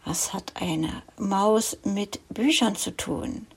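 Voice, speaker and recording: A woman presenter introducing authors and stories in a measured way. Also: medium pitch, breathy edge. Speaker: program presenter.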